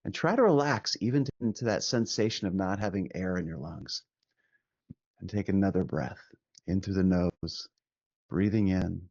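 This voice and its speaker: A low-pitched man leads a guided meditation with gentle, soothing delivery, pausing at length after each short instruction. His intonation is lively. There's no room sound, and the audio is dull.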